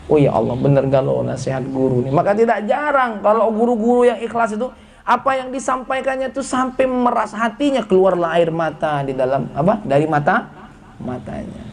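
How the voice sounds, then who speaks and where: A high-voiced man preaching. He talks to his young students in an animated, teasing way, acting out short exchanges. Faint noise sits behind the voice. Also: gravelly. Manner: animated, breaks into slow singing, mimics students in dialogue. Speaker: preacher and head of a modern Islamic boarding school. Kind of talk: lively sermon to students.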